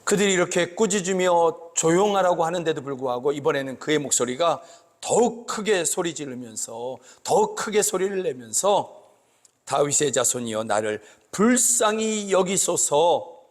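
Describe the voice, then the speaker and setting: A pastor giving a slow, emphatic sermon that rises into loud cries. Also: male voice, fairly high pitch, animated. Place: church sanctuary. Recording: long church reverb.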